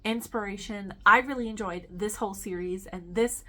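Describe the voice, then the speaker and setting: Woman gushing about books on her channel, lots of ums, swears a bit, normal pitch. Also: normal speed, sharp tone. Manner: chatty and enthusiastic, with frequent ums and swearing. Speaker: book vlogger; teacher. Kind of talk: casual book review chat.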